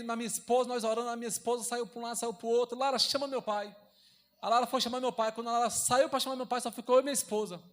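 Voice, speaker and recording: A young man preaching a sermon as a deacon in a church, fervent and repetitive, swinging between loud passages and hushed ones. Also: very high-pitched.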